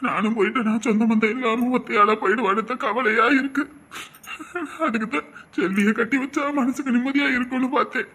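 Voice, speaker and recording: Guy playing an old sick dad, husky and high, soft and begging. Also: heavily acted. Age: older. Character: ailing elderly father, frail, gentle, worried for son. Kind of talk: Tamil village web drama acting.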